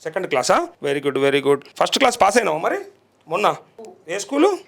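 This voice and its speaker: A man's voice: high-pitched, wildly swooping pitch, a little fast, gravelly, a bit bright. A male journalist, interviewing people on the spot, coaxing them and repeating their answers back.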